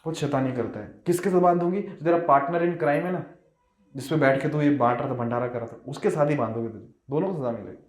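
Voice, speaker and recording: A man's voice: on the high side, fast talker, natural voice. A man quoting a stern village mother scolding her mischievous son, in a roomy, echoing space. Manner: scolding, threatening. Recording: roomy echo.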